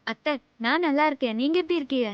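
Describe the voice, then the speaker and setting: An actress playing a shy, gentle young village bride-to-be in a TV serial. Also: female voice, sits high, fast, highs cut off, natural voice. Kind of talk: TV serial acting. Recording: music under dialogue.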